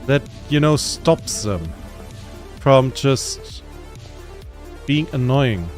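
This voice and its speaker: A man with a German accent talks to his stream viewers in a slow, unhurried way, his voice sitting at an ordinary middle pitch. He rambles, laid-back and self-deprecating, with quiet music playing faintly in the background. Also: lively intonation. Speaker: game streamer. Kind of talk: casual gaming stream chat.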